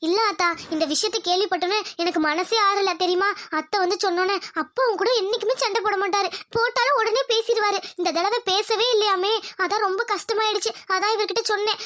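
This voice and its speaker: Woman voicing a nervous young village wife in a cartoon, high-pitched. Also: steady tone, fast talker, hardly any pauses, fairly bright tone. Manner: anxious, pleading. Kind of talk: cartoon voice acting.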